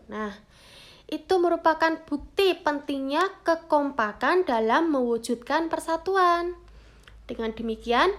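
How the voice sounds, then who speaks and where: A woman teacher, giving a lesson to children and patiently asking them questions, then answering them herself. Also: sits high.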